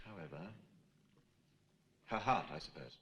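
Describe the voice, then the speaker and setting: A man's voice: low voice, animated, measured pace, a bit bright, slight background noise. An actor playing a detached male surgeon in a 1960s film, who speaks in a dry, cool way. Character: cold, aloof male anatomy surgeon.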